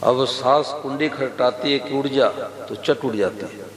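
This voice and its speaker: A man's voice: medium pitch, measured pace, crowd noise. A man giving a devotional sermon to a gathering, telling stories with quoted dialogue and asking the audience questions. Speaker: religious preacher. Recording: echoey hall with faint hum.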